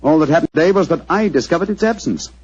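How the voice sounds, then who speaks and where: In an old radio drama, a confident British gentleman detective talks fast, his pitch swinging widely and his intonation lively as he sets out his reasoning with theatrical precision. His voice is slightly husky. The 1940s recording sounds muffled and dull.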